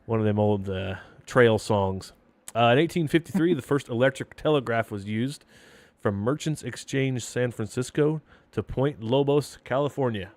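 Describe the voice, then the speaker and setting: A man's voice: medium pitch, normal speed, a little mellow, no echo. A man in his thirties hosting a podcast, reading history facts between crude jokes. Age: 30s. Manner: crude, joking, laughs often. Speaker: podcast host.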